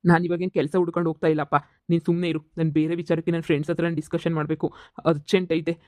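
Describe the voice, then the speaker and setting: A man voicing a calm, reassuring cartoon son. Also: fairly high pitch, dry recording, studio quality, close to an everyday voice. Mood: brisk. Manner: firm, reassuring, brisk. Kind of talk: cartoon voice acting.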